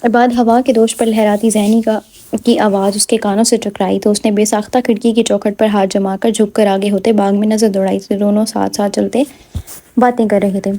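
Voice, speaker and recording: A woman's voice: medium pitch, level tone, warm tone. Woman reading a novel aloud. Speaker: narrator.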